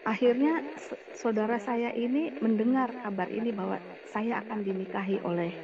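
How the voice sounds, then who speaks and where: Woman telling her testimony to a church crowd, kinda high voice, dull lo-fi sound. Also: normal speed. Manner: emotional, addresses listeners directly. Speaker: guest giving testimony. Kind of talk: personal testimony to a congregation.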